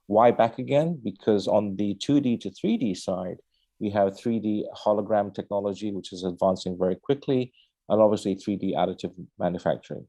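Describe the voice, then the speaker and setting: Deep, mellow-voiced man panelist. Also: gravelly. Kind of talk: online panel talk. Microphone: video call.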